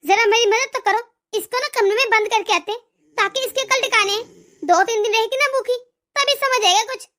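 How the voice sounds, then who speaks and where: A woman voicing a cruel, domineering mother-in-law who taunts and threatens loudly. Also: very high voice, a little fast. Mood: scolding. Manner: loud, sneering taunts. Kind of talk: cartoon voice acting.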